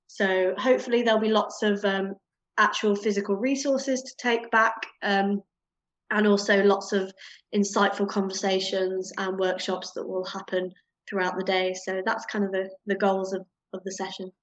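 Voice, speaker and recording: A woman's voice: mid-range voice, level tone, normal speed. A young woman, a youth advisor, chatting casually on a podcast, rambling with many fillers. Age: young adult. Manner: rambling, many "um"s, laughs at herself.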